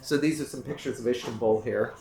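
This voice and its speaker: A man talks a group through his travel photos, wandering from point to point and circling back to restart his sentences. His voice sits at an ordinary middle pitch. The room echoes around him, with a faint hum of noise underneath. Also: a little fast, vocal fry, dark tone. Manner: rambling, self-correcting, many restarts. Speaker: club trip presenter. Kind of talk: casual slideshow talk to a group. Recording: roomy room echo, faint background noise.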